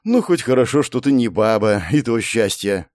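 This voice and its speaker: A man voicing a brisk, mocking young woman who is a player in a game world, in an audiobook. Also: mid-range voice, expressive, a little mellow, no room sound, studio quality, lightly acted. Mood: teasing, brisk. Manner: snappy, teasing, exclamatory.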